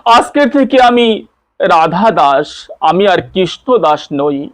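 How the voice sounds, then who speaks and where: A man's voice: sits high, animated, takes it slowly, no room sound. A male preacher voicing a devout elderly holy man in a retold devotional story, pleading earnestly to his deity.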